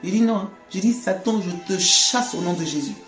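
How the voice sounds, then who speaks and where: Animated woman giving a testimony. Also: medium pitch, moderate pace. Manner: animated, laughs often, repeats words. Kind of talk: conversational faith testimony. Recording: echoey room with faint music.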